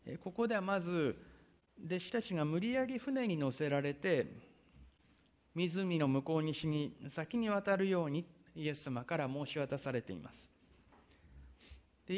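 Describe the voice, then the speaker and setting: A male pastor giving a sermon, reading scripture verses aloud and then retelling them in an unhurried, explanatory way, with frequent drawn-out hesitations. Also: a little high.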